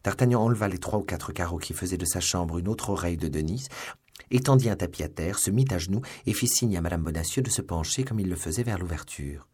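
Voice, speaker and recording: Man reading an audiobook, low pitched, a bit husky, measured. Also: a little mellow. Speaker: audiobook narrator. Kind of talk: scripted narration.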